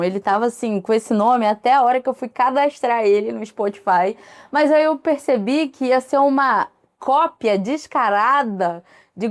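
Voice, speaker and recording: A woman's voice: medium pitch, clear, resonant tone. A Brazilian woman in her thirties hosting a casual solo podcast, chatty and digressive with frequent asides. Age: 30s. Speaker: podcast host.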